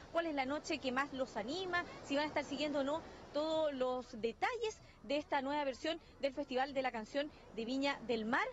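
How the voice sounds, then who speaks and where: A woman in her thirties delivers a live news report on a beach, talking through a handheld microphone. Her voice sits high and light, and her pace stays quick and upbeat. The audio has a slightly muffled broadcast tone and a faint noise floor. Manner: brisk, upbeat, many questions. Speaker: field reporter. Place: sunny beach outdoors.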